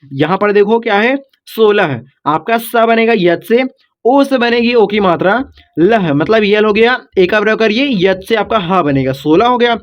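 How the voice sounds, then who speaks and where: In a classroom-style video lesson, a man patiently repeats each step and addresses his viewers as if they were kids. His voice sits high and expressive, moving a little slowly, captured in a dull lo-fi recording.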